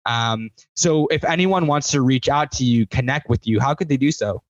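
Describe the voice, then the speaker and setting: A man's voice: medium pitch, normal speed, no echo, muffled recording. A man hosting a podcast, speaking in an encouraging way as he praises his guest and wraps up the show. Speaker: podcast host. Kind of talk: casual interview chat.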